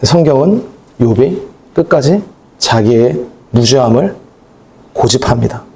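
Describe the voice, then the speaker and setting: A male pastor preaching a sermon in a conversational, animated way, with asides and acted-out quotes. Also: mid-range voice, unhurried, a little hiss or hum.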